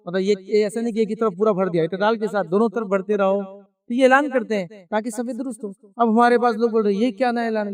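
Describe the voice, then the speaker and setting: A man's voice: high voice, far from the mic. A man giving an Islamic religious lecture in a conversational way, explaining with everyday examples and asides. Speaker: Islamic preacher.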